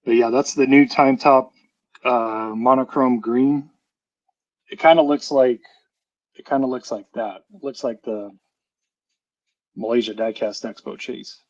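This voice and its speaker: A man of middle pitch rambles through a live stream, trailing off into fillers and correcting himself as he goes. His voice comes through a headphone mic, so it sounds hollow, dull and muffled, as if he were talking through a tube. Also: steady tone, unhurried, pauses often. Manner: rambling, chatty, with many fillers and self-corrections. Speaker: streamer showing a die-cast model car collection. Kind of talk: casual live-stream chat.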